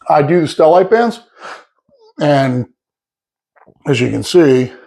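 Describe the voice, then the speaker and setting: Mellow-voiced guy walking through his shop setup, plain talk, lots of uhs. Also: fairly high pitch, sing-song, takes it slowly, creaky. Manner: plain-spoken, explains step by step with fillers. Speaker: sawmill owner showing his setup. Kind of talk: casual workshop demo. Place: workshop. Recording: echoey, mics off.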